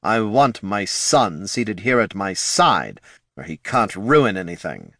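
A skeletal lich lord speaks with imperious, sardonic impatience, acted out by a male narrator. His voice sits low and the recording is dry and close. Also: sing-song, slow pace, bright, forceful tone, no echo, heavily acted.

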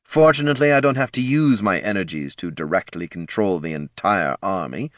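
A man's voice: low-pitched, expressive, brisk, fairly bright tone, no room sound, clean studio sound. A man voicing a smug lich lord. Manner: silky, condescending, rising to grand declarations. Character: scheming male lich overlord, smug and cold.

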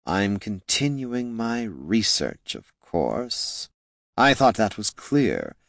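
A man voicing an undead male lich wizard, speaking slowly in a hollow, scornful, condescending way. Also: fairly low pitch, sing-song, creaky, fairly bright tone, dry recording, clean studio sound, full character voice. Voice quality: hollow, slow and drawn-out. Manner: condescending, dryly mocking.

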